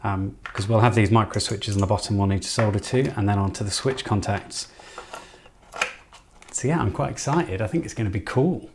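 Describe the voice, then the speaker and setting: Background noise accompanies a man with a fairly low voice speaking at normal speed. He's an electronics hobbyist presenter giving loose, informal commentary on his build, half talking to himself.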